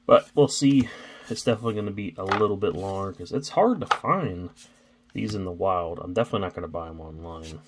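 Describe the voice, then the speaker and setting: A man with a low voice hosts a casual card-opening vlog, talking a little fast over some background noise. He rambles and thinks aloud, stammering now and then.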